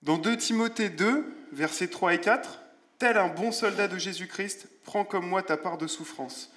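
A man preaching a sermon in a relaxed, conversational way, with self-deprecating humor and Bible verses read aloud. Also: sits high, measured pace. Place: church.

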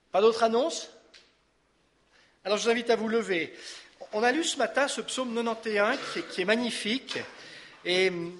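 A man's voice: high-pitched, fairly bright tone. A man, leading a church service, giving announcements and a blessing in a conversational, hesitant way with many fillers. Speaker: pastor. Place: church hall.

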